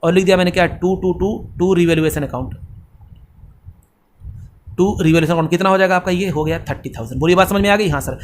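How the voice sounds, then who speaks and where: A man teaching accounts at high speed, his voice pitched high. He keeps asking the class questions and answering them himself. A faint noise sits under the recording. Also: fast talker, long pauses. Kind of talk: fast classroom lecture.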